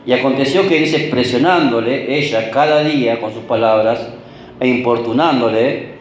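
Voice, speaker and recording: A man's voice: medium pitch, normal speed, reverberant, muffled recording, soft background music. A man preaching a sermon. He keeps checking in with the congregation through short tag questions and repeats words for emphasis.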